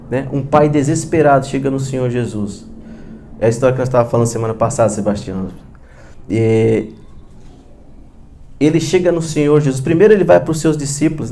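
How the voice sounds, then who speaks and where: A man's voice: medium pitch, a little hiss or hum. A Brazilian man preaching a sermon in church, earnest and repetitive, often addressing his listeners as beloved. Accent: Brazilian Portuguese. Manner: earnest, repeats "amados", drops into quiet emphasis. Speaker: pastor.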